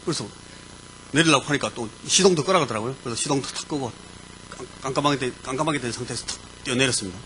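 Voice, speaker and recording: A man preaching as a pastor, telling a personal story with lively sound words and sudden bursts of emphasis. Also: medium pitch, fast talker, a little hiss or hum, poor audio. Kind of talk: sermon storytelling. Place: church.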